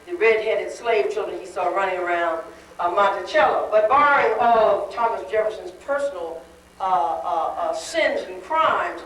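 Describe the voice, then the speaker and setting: A woman's voice: mid-range voice, normal speed, fairly bright tone. A woman giving a wry, conversational dinner speech, heard on a worn VHS tape copy. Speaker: dinner speaker. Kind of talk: public speech. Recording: hissy worn tape, echoey hall from far off.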